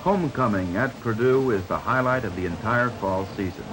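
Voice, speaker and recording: This American narrator has a fairly low voice with lively intonation, reading a scripted 1950s newsreel at a moderate pace. Music plays behind him, and the background is noisy.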